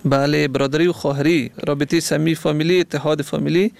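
A man hosting a radio phone-in, calmly explaining and soothing a caller. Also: on the high side, vocal fry, no room sound. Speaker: radio host.

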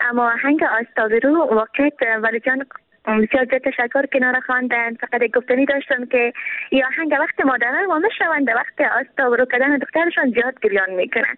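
A woman calling in to a radio show, chatting warmly and praising the guest at length. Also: high-pitched, dry recording. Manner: warm, effusive, chatty. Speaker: caller. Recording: tinny phone line.

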